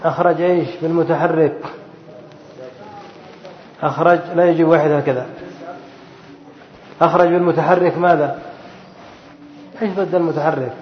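A man's voice: steady tone, moderate pace, pauses often. A man teaching a grammar lesson, repeating rules and putting questions to his students. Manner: repeats and drills, asking students to fill in answers. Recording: roomy hall, dull low-fi sound.

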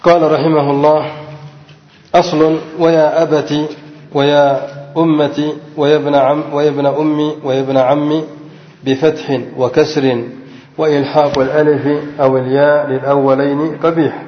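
A man teaching a grammar lesson who keeps pausing to have his students fill in words. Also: a little high, flat delivery. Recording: dull lo-fi recording with long reverb.

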